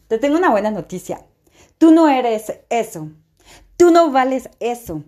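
A woman's voice: on the high side, darkish tone. A woman self-help coach giving an emphatic motivational talk, full of rhetorical questions.

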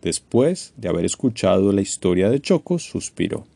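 A man reading a children's storybook aloud, expressive and animated. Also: fairly low pitch, normal speed, gravelly, breathy edge, no room sound.

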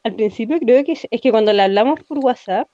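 A woman's voice: on the high side, a little fast, mellow, dry recording, muffled recording. A young woman with a Chilean accent chatting casually as a podcast co-host, telling stories animatedly and acting out her own quotes. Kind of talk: casual chat.

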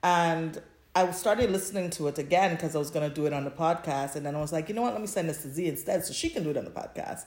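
A podcast co-host chats informally and animatedly about fan fiction recordings, often acting out her own thoughts. She talks fast in a low-pitched, darkish voice, and the pickup sounds echoey and roomy.

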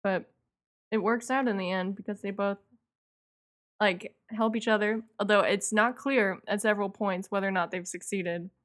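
A woman speaks in relaxed, casual chat. She gives short agreeing replies and giggles along as her co-host talks. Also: mid-range voice, moderate pace. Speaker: podcast co-host.

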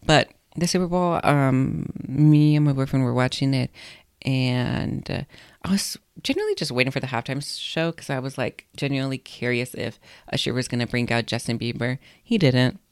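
A woman's voice: rumbling low, lively intonation, moderate pace, darkish tone, smooth, dry recording, studio quality. A young woman hosting a solo podcast, talking in a chatty, blunt way and swearing freely. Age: young adult. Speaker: podcast host. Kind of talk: casual solo podcast chat.

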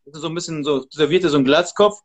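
A man's voice: a little high, fast. A man, a martial arts trainer and guest, talking casually in an interview in an emphatic, motivational way.

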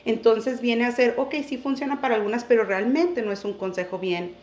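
Woman host, thoughtful, mid pitch, roomy muffled audio. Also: a little fast, a little mellow. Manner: thoughtful, affirming, searching for words. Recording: roomy, dull lo-fi sound.

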